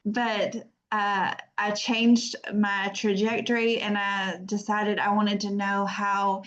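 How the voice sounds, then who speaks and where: A woman's voice: medium pitch, little pitch movement, takes it slowly, a bit bright. An American woman in her fifties giving an informal online talk from home as a guest speaker, chatty and self-deprecating. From United States. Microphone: video call. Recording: dull lo-fi video call audio.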